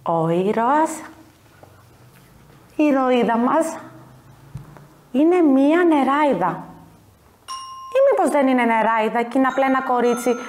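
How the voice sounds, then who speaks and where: A kindergarten teacher, a woman, telling a story to young children in an expressive, animated way. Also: high voice, long pauses.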